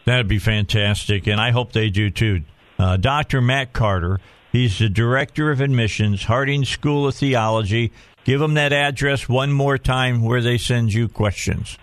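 A male radio host speaks informally into a dry, close studio sound. His pitch is middling, and he has a folksy habit of repeating phrases to drive them home. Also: moderate pace, no echo.

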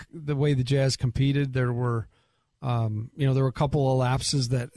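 Halting male basketball analyst. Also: medium pitch, darkish tone, no room sound, studio quality. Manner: halting, repeats words, many fillers. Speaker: coach analyst. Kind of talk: sports analysis.

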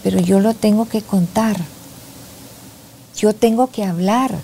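A soft-spoken woman psychologist talking reflectively in a casual podcast conversation. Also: medium pitch, unhurried, vocal fry, a little hiss or hum. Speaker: psychologist guest.

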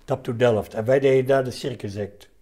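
An elderly man reminisces in a relaxed interview setting. He tells his anecdotes haltingly, in short fragments. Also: mid-range voice. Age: 70s. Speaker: interviewee, retired commando veteran.

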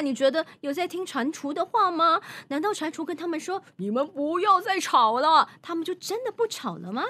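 A woman's voice: high-pitched, a bit bright. A woman reading a picture book to children, playful and full of questions. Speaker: children's storyteller host.

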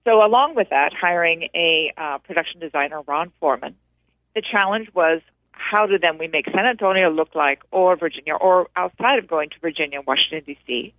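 A woman's voice: low-pitched, brisk, no echo. A woman film producer, a guest on an interview, recalls her work in a talkative way with frequent restarts, speaking over the phone. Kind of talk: casual interview recollection. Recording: tinny phone line.

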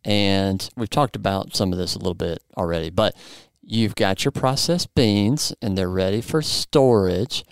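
A man's voice: low-pitched, moderate pace, hardly any pauses, clear, resonant tone, no echo, clean studio sound. A man in his forties hosting a podcast, explaining in an upbeat, playful way and interviewing a guest. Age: 40s. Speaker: podcast host.

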